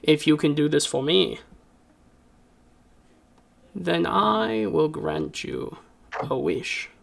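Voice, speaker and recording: Old woman fortune teller played by a man, tabletop role-play: commanding, ominous, unhurried, with vocal fry. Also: fairly high pitch, lively intonation, a bit bright, heavily acted. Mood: ominous, demanding.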